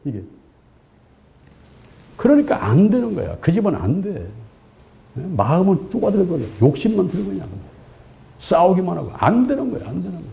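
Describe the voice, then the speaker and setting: A middle-aged male pastor preaching a sermon in a colloquial, animated way, acting out little scenes in voices. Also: high voice, moderate pace, creaky, pauses often. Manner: colloquial, asks the congregation "예?" often.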